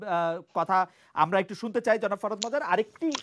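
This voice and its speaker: A man hosting a talk show, moderating a political debate with halting restarts as he tries to interject. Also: high voice, a bit bright, slight background noise.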